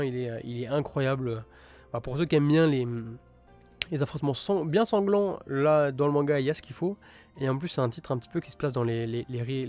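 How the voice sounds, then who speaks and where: Male streamer, mid-pitched, chatty and halting, soft music under the voice. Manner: rambling, many fillers and restarts; enthusiastic about gory titles. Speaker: streamer reviewing manga. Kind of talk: casual live-stream chat.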